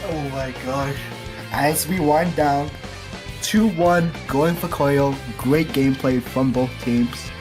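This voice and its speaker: A woman casting an esports match live, excitable and animated, often laughing between plays. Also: low-pitched, takes it slowly, music in the background. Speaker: esports caster. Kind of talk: live play-by-play commentary.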